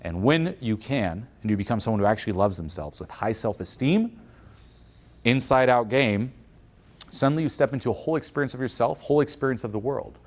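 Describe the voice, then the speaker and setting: A man coaching an audience in a motivational conference talk, animated, often acting out the inner voices of the people he describes. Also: medium pitch, brisk.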